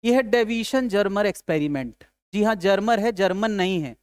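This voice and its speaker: A man's voice: high-pitched, lively intonation, moderate pace, clear, resonant tone, no room sound. A male physics teacher giving a casual lecture, chatty, joking and asking and answering his own questions. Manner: chatty, calls students "yaar", asks and answers own questions; jokes with students.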